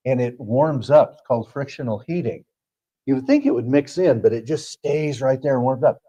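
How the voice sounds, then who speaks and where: A TV meteorologist with a warm, medium-pitched voice explains the forecast in a folksy broadcast weather chat, using plenty of fillers. The sound is lo-fi.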